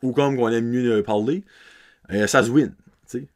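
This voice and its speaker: Speaking at normal speed in a medium-pitched, slightly mellow voice, a man in his thirties hosts a podcast. His Acadian French is sprinkled with English words as he tells a story in a relaxed, laughing way.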